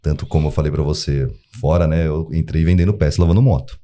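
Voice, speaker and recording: A young man in his twenties talks easily as a podcast guest, his voice low and mellow. He tells family stories in a relaxed way and laughs readily. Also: fast talker. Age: 20s. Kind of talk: podcast conversation.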